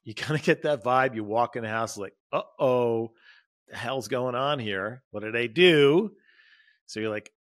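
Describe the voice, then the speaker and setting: A man's voice: medium pitch, a bit bright. A man hosting a podcast as a relationship coach, talking straight to his listeners in a conversational motivational style and acting out little quoted moments. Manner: direct, addresses listeners as "you" and "guys". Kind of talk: motivational solo talk.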